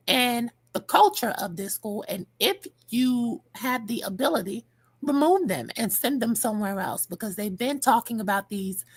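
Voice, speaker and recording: A woman's voice: a little high, husky. A middle-aged American woman giving emphatic panel commentary while wearing dental retainers.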